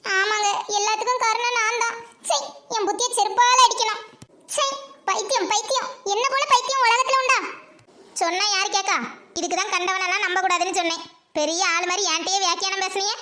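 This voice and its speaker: A woman with a Tirunelveli Tamil accent playing a gossipy village housewife who scolds quickly and shrilly in a comedy skit. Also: very high voice, steady tone, bright, forceful tone. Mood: self-reproach.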